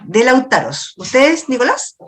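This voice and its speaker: A middle-aged woman with a Chilean accent giving a university class over a video call, chatty and questioning her students, explaining in a halting way. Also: high-pitched, sing-song, fairly bright tone. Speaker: university lecturer. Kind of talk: online class lecture.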